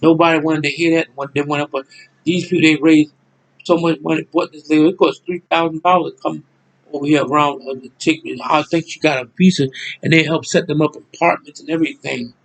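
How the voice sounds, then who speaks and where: A man's voice: a little high, steady tone, brisk, vocal fry, poor audio. A man, ranting angrily to his viewers in a repetitive monologue, cursing as he goes. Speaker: channel host. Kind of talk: angry monologue to camera.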